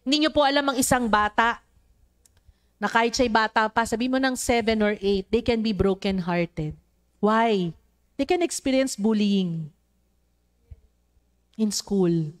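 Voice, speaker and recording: Delivering a sermon to her congregation, a woman speaks at a measured pace in a slightly high voice, leaving long pauses. She blends English into her Tagalog, addresses the listeners, and imitates children's voices as she tells stories.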